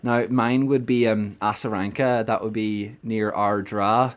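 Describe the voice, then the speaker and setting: A man's voice: lowish voice, steady tone, a little slow. A young Irish man with a Donegal accent, chatting casually and a bit hesitantly as a host. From County Donegal, Ireland. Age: young adult. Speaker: podcast host. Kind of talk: casual chat.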